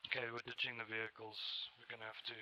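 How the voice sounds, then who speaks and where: A man's voice: mid-range voice, level tone, very fast, pushed and bright, poor audio. A man talking tactics and giving his squad instructions during a live military game, in a directive way. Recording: faint background noise, game gunfire. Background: game gunfire and artillery.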